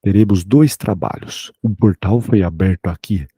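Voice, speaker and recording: A man's voice: deep voice, moderate pace, dark tone, slightly rough, no room sound, studio quality. Man reading a tired, urgent teacher-exorcist. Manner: urgent, commanding.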